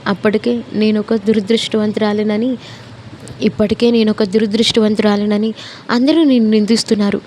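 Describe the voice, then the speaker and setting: A woman's voice: mid-range voice, fairly even intonation, moderate pace, a little mellow, slight background noise, lightly acted. A woman voicing a grieving young widow who firmly turns away the man she loves. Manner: firm, sorrowful. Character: grieving young widow refusing her lover.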